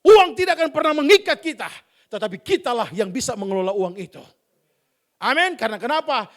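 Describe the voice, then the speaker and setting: A male pastor preaches to his congregation in a high voice. He stays playful and animated, and his pitch swings widely from line to line. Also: fairly quick. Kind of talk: sermon. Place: church.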